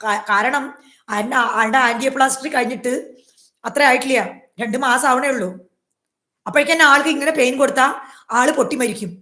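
A woman's voice: sits high, fairly quick, long pauses, sharp tone. A woman talking straight to her viewers in a personal vlog, emphatic and aggrieved, repeating her points. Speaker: YouTuber. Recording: echoey room.

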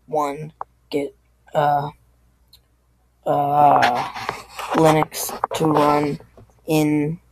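A sick, hoarse tech tutorial host talking through a screen recording in a halting, apologetic way. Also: mid-range voice, background noise. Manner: halting, apologetic, loses train of thought.

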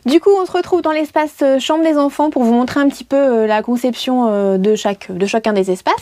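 A woman's voice: high-pitched, a little fast, a little mellow, no echo. A woman in her thirties hosting a casual video tour of a small wood-lined van, chatty and joking, with many hesitations. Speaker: vlog host. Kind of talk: casual show-and-tell.

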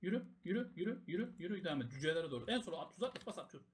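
Guy shot-calling in voice chat, high voice, talks super fast, yells the same orders over and over, swears a lot. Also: expressive. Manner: barks rapid repeated commands; swears freely. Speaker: clan war shot caller. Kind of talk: gaming voice chat.

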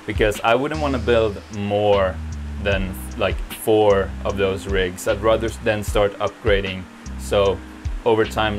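A young man in his twenties casually talking through his home workshop setup, rambling with lots of filler words. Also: fairly low pitch. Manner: relaxed, rambling, frequent "like" fillers. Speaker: YouTuber giving a mining farm tour. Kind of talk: casual vlog walkthrough. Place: cluttered home workshop, indoors. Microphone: camera held at arm's length.

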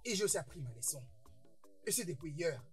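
An actor dubbing a boastful, excitable older brother in a French-dubbed film, who stammers and repeats words. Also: male voice, on the high side, brisk, soft background music. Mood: apologetic. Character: boastful excitable older brother, newly rich, quick-tempered. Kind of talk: French dub of a Nigerian film.

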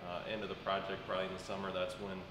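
Speaking in a low voice with a rapid-fire yet steady delivery, a thirty-something school administrator explains construction work on site, gesturing and leaning on frequent fillers. He stands in a large, empty classroom being built. The camera mic sits far away, so the bare room echoes and background noise comes through.

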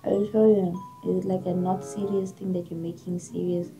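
A woman's voice: lowish voice, little pitch movement, a little fast, over music, poor audio. A young woman talking at home with her boyfriend, dryly questioning him and arguing her point back. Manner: dry, questioning, argues back. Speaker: girlfriend.

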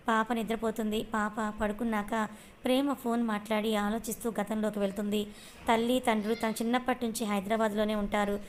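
A woman narrating a family love story in a steady, matter-of-fact way. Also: mid-range voice, slight background noise.

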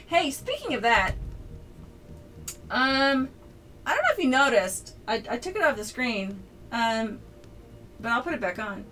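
A woman hosts a casual livestream, rambling cheerfully and filling time between topics. Her voice sits a little on the high side. Faint music plays behind her. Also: big pitch swings, a little slow, long pauses, bright, forceful tone, rough recording. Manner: chatty, rambling, upbeat. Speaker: streamer and game designer host.

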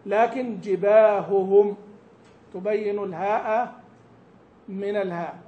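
A male Quran recitation teacher explaining a tajweed text to his students. He asks the class questions and answers them himself, and slows down to model words carefully, syllable by syllable. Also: sits high, dull audio, a little hiss or hum. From Saudi Arabia. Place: mosque lesson hall.

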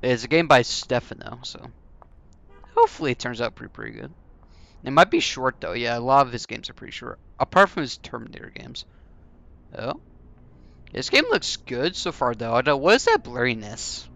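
A young adult man, a gaming YouTuber seated indoors at his gaming setup, gives casual, offhand let's play commentary into a headset mic with faint game music behind him. His voice is medium-pitched, creaky, and a bit bright, with big pitch swings and a moderate pace.

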